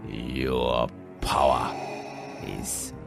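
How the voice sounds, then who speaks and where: A man playing a sinister old emperor in an audio story, gravelly, deliberate and gloating, manipulative and menacing. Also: a bass voice, completely flat delivery, music in the background, exaggerated voice. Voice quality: gravelly, creaky. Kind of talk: dramatized villain dialogue in audio story.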